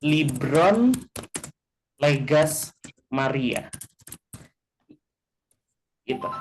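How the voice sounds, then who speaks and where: A man teaching a class in a casual way, often checking in with his listeners, slowing down to spell out example words and chuckling now and then. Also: fairly high pitch, a little mellow. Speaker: language teacher. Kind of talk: casual explanatory class talk.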